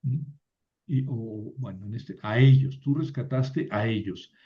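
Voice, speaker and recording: A man teaching a biblical Hebrew class, explaining slowly with many fillers and restarts. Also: medium pitch, dull audio. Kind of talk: online class lecture.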